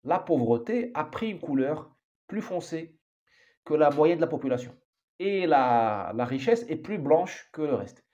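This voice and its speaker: A man's voice: a little high, big pitch swings, measured pace, darkish tone, highs cut off. A man giving an opinionated monologue as an author, emphatic and full of restarts and repeated words. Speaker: author commenting on society.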